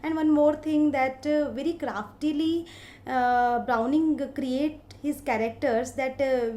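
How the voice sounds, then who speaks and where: In a recorded lecture on literature, an Indian woman with an Indian English accent explains things slowly, with many hesitant fillers. Her voice sits high and is a little mellow.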